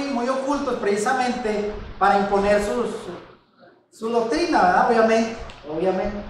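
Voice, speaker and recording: Male religious teacher, conversational sermon delivery full of rhetorical questions, recorded off-mic in a very echoey room. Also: high-pitched. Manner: asks rhetorical questions, addresses listeners as brother. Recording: very echoey room, distant mic, faint noise.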